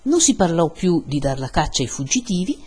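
A woman reading a classic novel aloud with expressive, dramatic storytelling. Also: fairly low pitch, a little fast, husky. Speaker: reader.

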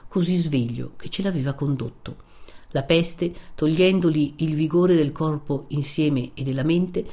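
A woman narrating a classic novel in a slow, measured audiobook reading. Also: low voice, mellow.

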